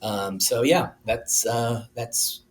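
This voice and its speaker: A man interviewed as a guest author, answering in a measured way with frequent fillers. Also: medium pitch.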